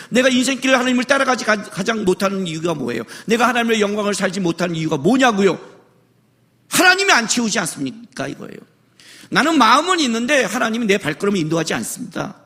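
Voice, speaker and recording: A man's voice: high-pitched, pushed and bright. A middle-aged man preaching a sermon as a pastor, full of rhetorical questions and acted-out bits of dialogue.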